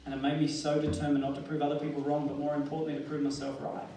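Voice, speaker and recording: Australian man, motivational speaker, earnest storyteller with jokes, higher voice, distant mic in an echoey hall. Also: completely flat delivery, rapid-fire, mellow, a little hiss or hum. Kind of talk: motivational speech.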